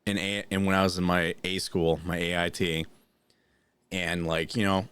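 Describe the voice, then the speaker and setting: A man's voice: low voice, level tone, normal speed, a bit bright, smooth, no room sound. A man co-hosting a podcast who tells a long story in casual chat and then reads news items. He talks in a rambling, profane way, with many restarts and fillers. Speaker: podcast co-host.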